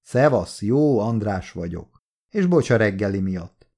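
Brief: male audiobook reader as friendly coworker, low, relaxed, matter-of-fact. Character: friendly male office colleague, easygoing and apologetic.

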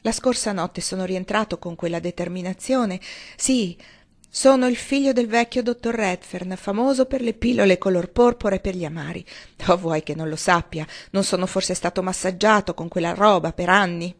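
A woman's voice: fairly low pitch, moderate pace, hardly any pauses, lightly acted. A woman reading as an impassioned young husband. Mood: explaining.

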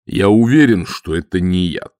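A man's voice: low-pitched, lively intonation, moderate pace, darkish tone, no echo, clean studio sound. A man voicing an earnest, loyal young male watch captain.

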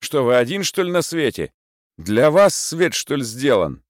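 A man's voice: mid-range voice, sing-song, measured pace, dry recording, studio quality, pitched above the performer's own voice. A man voicing a furious, indignant lodger in a storybook reading, hurling scornful questions. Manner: shouting, scornful, hectoring questions.

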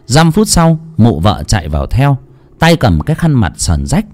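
A man narrating a ghost story in a dramatic, animated storytelling voice. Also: medium pitch, normal speed. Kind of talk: scripted horror narration. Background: faint background music.

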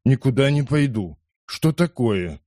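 A man's voice: medium pitch, very animated, a little slow, dark tone, no room sound, studio quality, pitched above the performer's own voice. A man voicing a proud, querulous, very old lord in an audiobook. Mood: defiant. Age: older.

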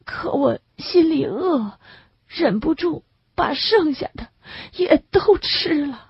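A woman's voice: high voice, animated, creaky, no room sound, pitched above the performer's own voice, exaggerated voice. A woman voicing a sick middle-aged male camp inmate who wails and chokes on tears as he speaks. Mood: wailing. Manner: wailing, choked with tears, drawn-out. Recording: dull lo-fi recording.

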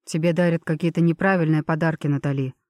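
A woman voicing a proud young male elf lord who answers bluntly and haughtily in a lowered voice, in an audiobook. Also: steady tone, fast, a little mellow, no room sound, close to an everyday voice. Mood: blunt haughty.

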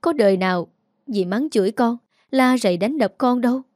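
A woman's voice: on the high side, animated, normal speed, darkish tone, no echo, close to an everyday voice. A woman with a Southern Vietnamese accent voicing a young adult orphan son, earnest and pleading. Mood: tearful pleading. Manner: earnest, pleading, close to tears.

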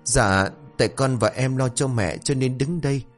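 A man's voice: medium pitch, moderate pace, soft background music, pitched above the performer's own voice, lightly acted. A man voicing a polite, worried young daughter in a read-aloud family story, speaking respectfully.

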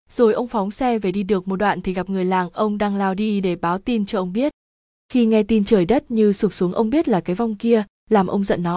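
A woman narrating a spooky village story in a steady, even storytelling tone. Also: mid-range voice, no room sound, clean studio sound.

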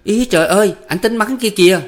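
Male narrator putting on a shrill young woman, pleading and frantic, audiobook story. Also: moderate pace, lightly acted. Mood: panicked. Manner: high pleading put-on woman's voice.

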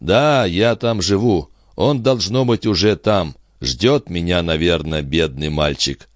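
A man's voice: low-pitched, slow, no room sound, studio quality. A man voicing a stern, commanding male physician in an audiobook. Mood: tender. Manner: firm, commanding.

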